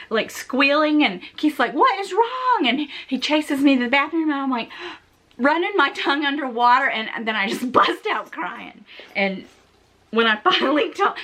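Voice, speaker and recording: A middle-aged woman talking straight to her viewers with a bright, forward tone that sits a little high. She tells her story casually and with a lot of life, laughing and exclaiming along the way. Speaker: fashion vlogger.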